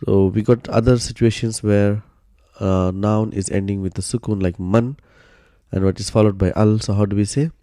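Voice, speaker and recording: The grammar teacher's voice is low and mellow, his tone steady and his pace moderate as he explains things patiently, step by step, peppered with "so" and "uh." The recording is dry and close-miked, without room ambience.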